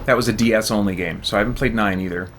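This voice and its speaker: Low-ish guy rambling about games while he plays, lots of ums, faint noise behind. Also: rapid-fire, a bit bright. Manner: rambling, thinking aloud with fillers. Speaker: gaming channel host. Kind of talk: casual chat while playing games.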